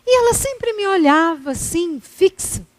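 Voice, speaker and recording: High-voiced woman giving a spiritual talk. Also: expressive. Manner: emotional storytelling, slow reflective pauses. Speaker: lecturer. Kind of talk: spiritual lecture. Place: Spiritist center hall.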